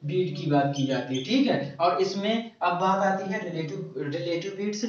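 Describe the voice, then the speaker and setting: A man's voice: high-pitched, normal speed. A man teaching an agriculture exam-coaching lecture, asking the class questions and answering them himself, repeating key terms. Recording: echoey room, distant lo-fi mic.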